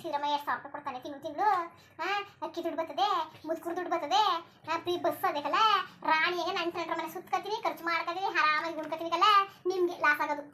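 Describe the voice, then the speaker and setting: A bald old village grandmother from a cartoon, as a woman puts her on, firing off scolding in rural Karnataka Kannada. The voice is high, bright and sharp, and the words tumble out at a breakneck pace. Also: steady tone. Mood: boastful. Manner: scolding, rapid-fire, crude rural Kannada. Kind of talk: cartoon voice acting.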